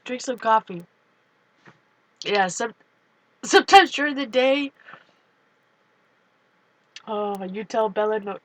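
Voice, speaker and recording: Her voice a little high and expressive, a woman speaks slowly with frequent pauses, recorded dry and rough. She's at home on the couch, leafing through her art journals and chatting with viewers in a meandering way, her Canadian accent carrying a hint of Minnesota.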